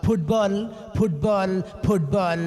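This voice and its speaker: A man calls out a football match announcement through a loudspeaker in a rhythmic, sing-song chant, repeating the key phrases again and again. His voice sits high, and a long reverb rings behind every line. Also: takes it slowly. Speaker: event announcer.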